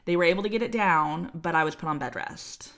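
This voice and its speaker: Lady in her 30s rambling thru a story, lots of ums, lowish gravelly voice. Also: fairly quick. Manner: chatty storytelling with many fillers, acts out quoted voices. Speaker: podcast co-host. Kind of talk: casual chat, telling her birth story.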